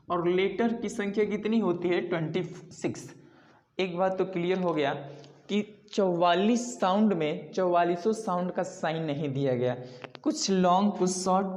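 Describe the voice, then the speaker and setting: A woman's voice: on the low side, a little mellow. Woman teaching in an echoey room. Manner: repeats herself while explaining, points to words she has written. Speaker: English teacher. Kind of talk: spoken lesson explaining English sounds. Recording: echoey room with long reverb.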